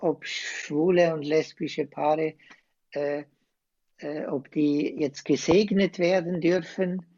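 Man, slightly high voice, very slow and halting, dry dull recording. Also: a little mellow, no echo. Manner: slow, hesitant, impassioned. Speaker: guest, former priest. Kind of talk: conversational interview.

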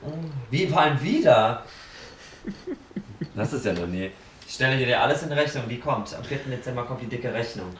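A man's voice: mid-range voice, expressive, normal speed, distant mic. A man in casual chat, telling stories bluntly and dramatically with acted-out quotes. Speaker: podcast guest. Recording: roomy sound from off the mic, faint noise.

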